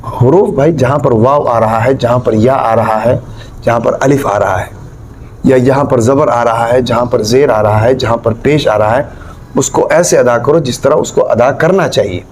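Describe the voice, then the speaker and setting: A man's voice: mid-range voice, normal speed, darkish tone, a little hiss or hum. A man teaching Quran recitation, firmly correcting mistakes and demonstrating each sound himself. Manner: counts out mistakes, scolds about practice.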